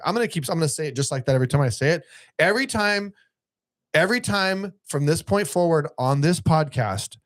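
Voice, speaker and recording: A man's voice: on the high side, no room sound. A man hosting a casual community podcast, reading out local events with wry, mock-sarcastic asides. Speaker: podcast host.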